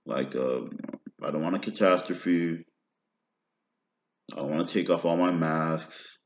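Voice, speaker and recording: A low-pitched American man in his thirties talks at a measured pace through a rambling personal monologue, regularly checking in with "right?". The recording is roomy, dull, and lo-fi, with slight background noise.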